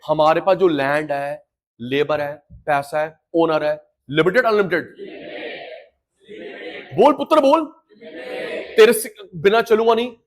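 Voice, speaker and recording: Man, middle-aged teacher, high pitch, energetic call-and-response lecturing in Hindi-English mix. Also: measured pace, long pauses. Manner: energetic, drills students with call-and-response repetition; mixes Hindi and English terms. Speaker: economics teacher. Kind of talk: live class lecture.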